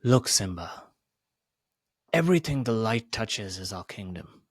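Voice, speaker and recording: A solemn lion king, played by a man reading aloud, heavy with fatherly weight. He speaks slowly and gravely, the words landing with importance. The sound is dry, with no echo around it. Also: lowish voice, very animated, heavily acted. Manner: grave, slow, emotional delivery.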